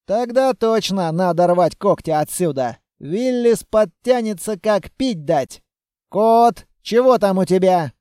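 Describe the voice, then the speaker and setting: A man's voice: sits high, expressive, slow pace, mellow, clean tone, no room sound, studio quality. Blunt squad leader, voiced by a male narrator. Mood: commanding. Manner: terse orders. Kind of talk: audiobook character voice.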